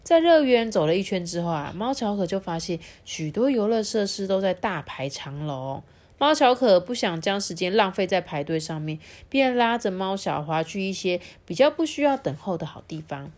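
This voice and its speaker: A woman reads a children's story aloud. Her telling is lively and sing-song, with a pitch of middling height.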